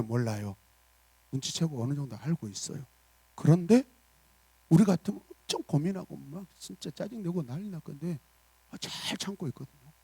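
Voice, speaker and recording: A man preaching a sermon as pastor, swinging from loud emphatic declarations to soft asides and acting out short dialogues. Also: mid-range voice, no room sound. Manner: acts out little dialogues in character voices.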